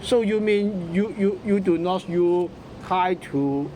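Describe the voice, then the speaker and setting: Cantonese-accented man speaking slowly over background noise. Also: high-pitched, dark tone. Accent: Hong Kong Cantonese. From Hong Kong. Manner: halting, repeats words and short phrases. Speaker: student in an English writing lesson. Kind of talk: casual one-to-one lesson talk.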